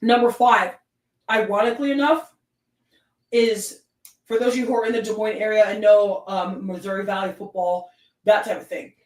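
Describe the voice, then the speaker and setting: A woman's voice: medium pitch, steady tone, moderate pace, far from the mic. Woman, Southern accent, sports talk host, emphatic, ranting, roomy, off-mic. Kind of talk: solo sports talk stream.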